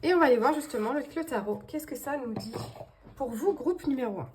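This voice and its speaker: A woman's voice: high voice, animated, fairly quick, background noise. A woman giving a casual tarot reading to her viewers, hesitant, with many fillers and restarts. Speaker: tarot card reader.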